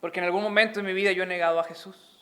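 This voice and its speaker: A man's voice: sits high, steady tone, rapid-fire, pushed and bright. A man preaching a sermon with fervent delivery, often calling out to the congregation as brothers and sisters.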